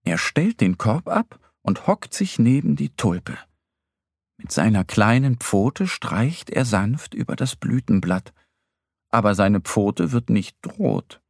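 A man narrating a children's story in a gentle, expressive storytelling manner. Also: fairly low pitch, slow pace, creaky, dry recording, clean studio sound.

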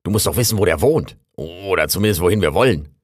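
A man's voice: low voice, lively intonation, fast talker, dry recording, clean studio sound. A man voicing a boastful, chatty male raccoon in an audiobook, rambling on in a self-important way. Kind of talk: audiobook character voice.

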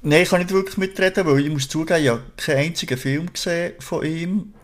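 A man's voice: a little high, quick pace. A man, co-hosting a film podcast, speaking modestly and hesitantly. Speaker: podcast co-host. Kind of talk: casual film review chat.

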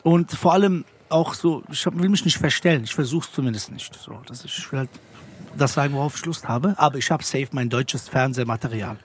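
A man's voice: mid-range voice, a little fast, slight background noise. A man from Frankfurt, a stand-up comedian, telling jokes and stories in a casual, slangy podcast chat. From Frankfurt, Germany. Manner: animated joking storyteller, slangy street talk.

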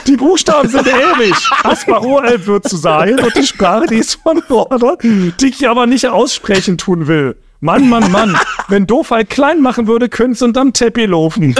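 A brash, cheeky old wizard voiced by a man who barks insults in thick Berlin dialect. His voice sits above normal speech and has a bright, playful edge. It is a comic dialect reading on a podcast. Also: extremely high pitch, very animated, normal speed, few pauses, noisy background, pitched above the performer's own voice. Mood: brash mocking. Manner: brash, rude, mocking. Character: cheeky bossy old male wizard, Berlin street talker.

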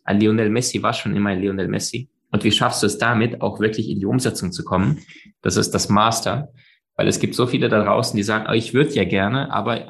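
A man with a low, gravelly voice talks at length as a guest in an interview. He speaks emphatically and expansively, piling up fillers and restarts as he goes. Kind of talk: conversational interview.

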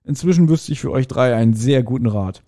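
A man voicing a gruff, sour middle-aged doctor while reading a book passage aloud. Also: medium pitch, fairly quick, dark tone, no echo, clean studio sound, lightly acted.

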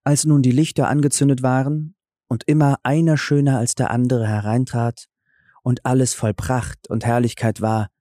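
A man narrating a fairy tale audiobook in a calm, measured storytelling manner. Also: mid-range voice, no echo, clean studio sound.

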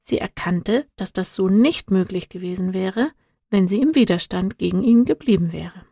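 A woman reading a storybook aloud in a calm, measured storytelling manner. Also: mid-range voice, vocal fry, husky, no echo, clean studio sound. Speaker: narrator.

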